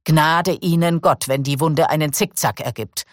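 A man's voice: a little high, normal speed, no echo, studio quality, close to an everyday voice. A male narrator voicing a choleric middle-aged male surgeon who snaps harsh orders at his staff. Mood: angry. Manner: sharp, shouted outbursts.

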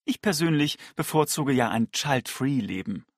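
A man voicing a provocative, disdainful young woman in an audiobook, lecturing in a crisp tone. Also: mid-range voice, sing-song, normal speed, no echo, studio quality.

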